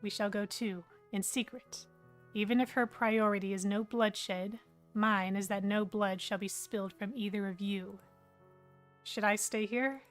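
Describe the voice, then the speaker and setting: A woman voicing a protective female serpent spirit in an audio role-play, speaking in a formal, measured way. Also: medium pitch, fairly even intonation, soft background music, lightly acted.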